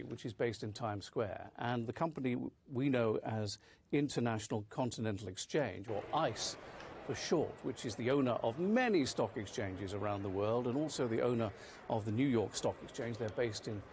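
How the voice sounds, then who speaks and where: A man's voice: medium pitch, a little mellow, slight background noise. A man reporting live as a news correspondent, explaining in a conversational way.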